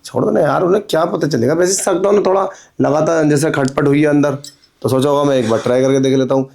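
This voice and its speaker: A man's voice: a little high, steady tone, fast, gravelly, a little mellow. A man playing a pushy, scheming landlord who talks in an impatient, pressuring and dismissive way, in an amateur drama skit. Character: pushy, scheming middle-aged male landlord.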